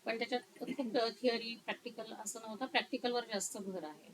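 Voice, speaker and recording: A woman counselor talking through her career in an interview, slow and thoughtful with many pauses. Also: a little high, steady tone, a crowd in the background, poor audio.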